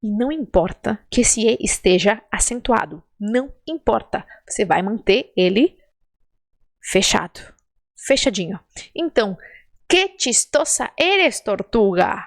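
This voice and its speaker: A woman's voice: medium pitch, animated, measured pace, gravelly. A woman with a Brazilian Portuguese accent, a Spanish teacher giving a pronunciation lesson, drawing out sounds in exaggerated demonstrations and checking in often. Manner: chatty and encouraging, with frequent check-ins.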